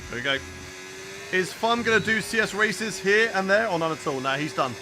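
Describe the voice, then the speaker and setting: Playing a racing game on stream, a chatty young British man reacts out loud and answers viewers in live commentary and chat replies. His voice is high, expressive and fairly quick, set against clear engine noise from the game.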